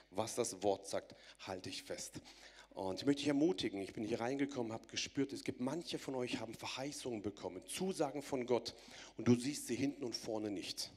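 A man's voice: mid-range voice, a little mellow, husky. A man in his thirties from Germany, giving an earnest, urgent personal faith testimony to a church audience, repeating phrases and restarting words.

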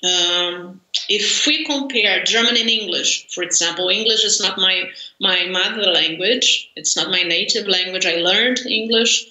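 A Brazilian woman speaks slowly on a video call, her mid-range voice bright and forceful, with a Brazilian Portuguese accent. She's an interview guest and language learner in a conversational interview from a room at home, thoughtful, laughing often and using many fillers. The roomy audio comes through her webcam.

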